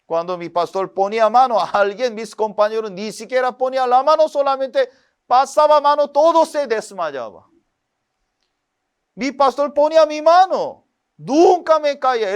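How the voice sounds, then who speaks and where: Male preacher, Sunday sermon, second-language phrasing, smooth clear voice, unhurried delivery. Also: high voice. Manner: animated storytelling, rising and louder in personal stories. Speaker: pastor.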